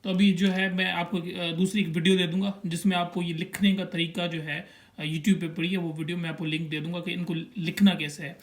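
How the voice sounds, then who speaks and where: Here a high-voiced young man leads a language lesson with steady patience. Syllable by syllable, he works through a chart, sounding each one out at an unhurried pace.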